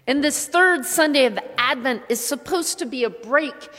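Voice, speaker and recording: A woman pastor giving a sermon, playful and animated, with voiced asides. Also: sits high, moderate pace. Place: church. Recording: church hall reverb.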